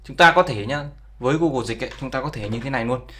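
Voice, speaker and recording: A man's voice: medium pitch, fast, sharp tone. A man teaching an English lesson over a screen recording, explaining words with many fillers and checks with his viewers. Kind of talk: screen-share language lesson.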